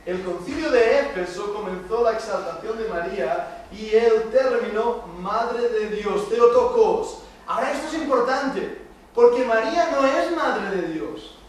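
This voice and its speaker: A middle-aged man from Spain with a high voice gives an emphatic Bible lesson, firing rhetorical questions at his listeners. He is picked up from a distance in a very echoey church hall. A faint hiss sits underneath. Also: animated, measured pace. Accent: Spain Spanish. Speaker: church youth teacher. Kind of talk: Bible study lecture to youth. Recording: echoey room, distant mic, faint noise.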